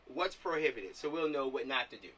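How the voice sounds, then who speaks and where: Speaking fairly quickly with lively intonation, this American man has a bright, forceful, mid-range voice as he directs a relaxed planning chat on a video call. A film director leading the meeting, he repeats points and frequently checks for understanding, picked up by a distant mic.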